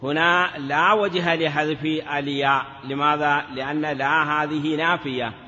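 A man's voice: on the high side, steady tone, normal speed, bright, forceful tone, long reverb tail, muffled recording. A man teaching a grammar lesson in a classroom, asking questions and answering them himself, sometimes drawing words out in a chanting lilt. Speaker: teacher of Arabic morphology. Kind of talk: classroom lecture.

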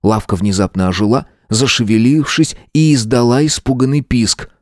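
A man reading an audiobook in a steady, measured narration. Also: medium pitch, dry recording, studio quality. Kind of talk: scripted narration.

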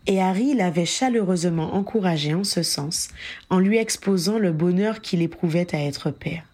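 A woman with a fairly low voice narrating an audiobook of a fan story. Her telling is steady and even throughout. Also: normal speed. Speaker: audiobook reader.

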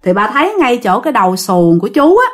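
A woman's voice: on the high side, big pitch swings, fast. A woman telling a family ghost story in a conversational way, speaking to her listeners.

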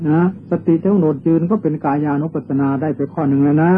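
An older Thai Buddhist monk giving a dharma sermon on meditation, teaching patiently and repeating meditation chants. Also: male voice, a little high, fast. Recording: tinny old lo-fi tape with faint hiss.

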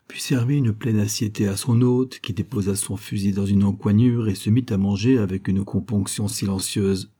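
Man, audiobook narrator, measured reading, low voice, husky. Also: dark tone.

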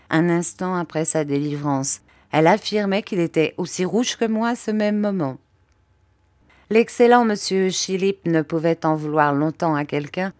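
A woman reading a classic novel aloud in measured, expressive narration. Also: low voice, dry recording. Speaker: audiobook reader.

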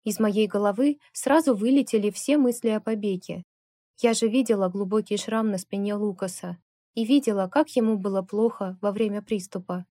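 Woman reading a novel, dark mellow voice. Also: moderate pace, no room sound, clean studio sound. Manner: voices characters with raised pitch and loudness. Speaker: audiobook narrator. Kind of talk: first-person audiobook narration.

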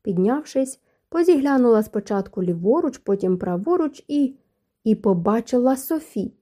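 Dark-toned woman narrating a novel. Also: fairly high pitch, normal speed. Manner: even, storytelling delivery. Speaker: audiobook narrator. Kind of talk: scripted narration.

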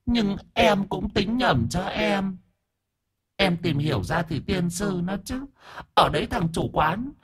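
A man voicing a whiny, sharp-tongued bald male ghost who speaks in a plaintive, sniffling way. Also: sits high, voice pushed up.

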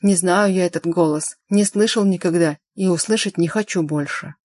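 Panicky grey-haired innkeeper, voiced by a woman narrator, low and dry. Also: normal speed, a little mellow, dry recording, lightly acted. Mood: frightened. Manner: anxious, hoarse pleading. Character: frightened grey-haired old male innkeeper.

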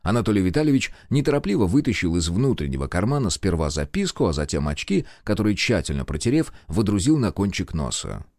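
A man narrating a novel as an audiobook reader, telling it in an expressive storytelling manner. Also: low voice, fast talker, hardly any pauses, dry recording, studio quality. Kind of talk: scripted narration.

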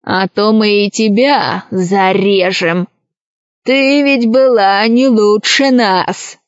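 A woman's voice: medium pitch, fairly even intonation, slow, no echo, dull audio, natural voice. A woman reading a children's storybook aloud and voicing a scheming male pirate who threatens and gives orders. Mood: menacing. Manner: threatening and bossy.

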